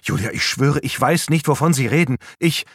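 A man's voice: mid-range voice, expressive, normal speed, a bit bright, husky, no room sound, clean studio sound. A man playing a stammering accused husband. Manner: stammering, disbelieving.

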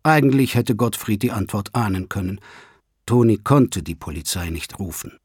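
Male audiobook narrator, low husky voice, dry close recording, measured reading. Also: expressive, darkish tone, no room sound. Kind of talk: scripted narration.

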